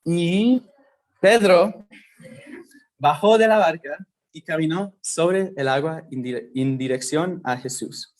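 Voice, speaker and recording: A man giving a casual Bible lesson, talking slowly and conversationally and checking in with his listeners often. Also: on the high side. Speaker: youth Bible teacher.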